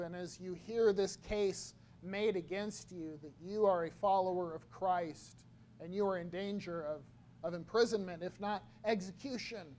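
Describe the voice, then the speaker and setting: A man preaching a sermon, slow and halting, often repeating his words as he goes. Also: sits high, a little mellow, a little hiss or hum. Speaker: pastor.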